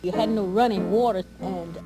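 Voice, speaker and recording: An older woman, a former pupil, thoughtfully recalling the old days with pauses in an oral history. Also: mid-range voice, loud music behind the voice, rough recording.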